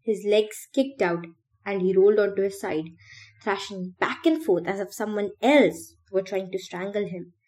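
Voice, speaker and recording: Woman narrator, mellow warm tone, steady audiobook reading, medium pitch. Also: moderate pace. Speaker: podcast reader.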